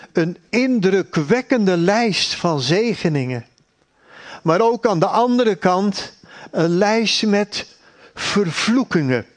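A man preaching a sermon in a slow, deliberate and earnest way, with a lot of repetition. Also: sits high.

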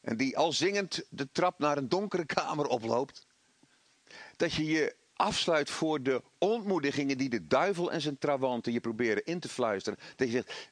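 A middle-aged man preaching a sermon, animated, acting out voices of doubt and the devil. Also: mid-range voice, normal speed, no echo.

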